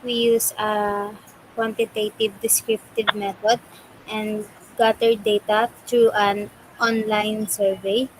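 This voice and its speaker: A young woman short of breath and coughing, halting as she gives a prepared academic presentation. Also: medium pitch, little pitch movement, a little hiss or hum, low-quality recording. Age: young adult. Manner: halting, stumbling over words. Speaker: student research presenter.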